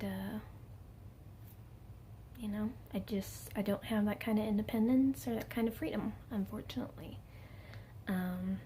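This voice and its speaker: A woman's voice: mid-range voice, mellow, slight background noise. A woman in her late twenties talking candidly in a casual personal vlog, chatty and self-mocking with plenty of fillers. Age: late 20s. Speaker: vlogger.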